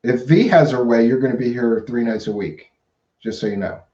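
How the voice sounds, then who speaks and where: A man's voice: mid-range voice, brisk, warm tone. A man hosting a live talk show in a casual, chatty, colloquial way. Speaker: live stream host. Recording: roomy, dull lo-fi stream audio.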